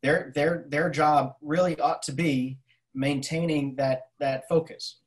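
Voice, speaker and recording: A man in his forties delivers a conference keynote over a video call from his home office, using his laptop webcam, and the audio is poor. His voice is a little high, fairly even in intonation and slow, and he speaks thoughtfully with many fillers and restarts while gesturing with his hands.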